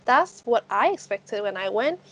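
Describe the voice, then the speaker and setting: A woman's voice: a little high, lively intonation, normal speed, a bit bright. Chatty young woman from Hong Kong. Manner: chatty, upbeat storytelling. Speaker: podcast co-host. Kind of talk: casual podcast chat.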